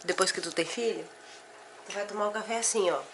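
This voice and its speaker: A woman's voice: mid-range voice, fairly quick, background noise. A young woman with a Brazilian Portuguese accent, a mother chatting to her viewers from home, teasing and talking straight to the camera. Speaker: vlogger and mother. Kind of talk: casual talk to camera. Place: at home, indoors.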